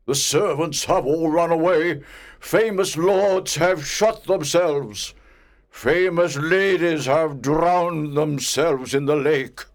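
A man voicing an angry, vengeful old male ghost nobleman in a theatrical, booming, slow manner. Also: animated. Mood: bitter.

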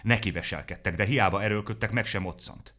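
A man reading a children's story aloud in a playful, animated way. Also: lowish voice.

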